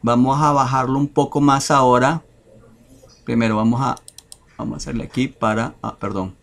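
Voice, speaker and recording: A man teaching English vocabulary over a screen share, talking in a slow, hesitant way with many fillers. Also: medium pitch, steady tone, gravelly.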